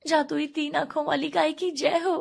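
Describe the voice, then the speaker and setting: A woman voicing a sharp-tongued village mother who scolds loudly in a cartoon story. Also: flat delivery, normal speed, gravelly. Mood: apologetic. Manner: shrill, scolding.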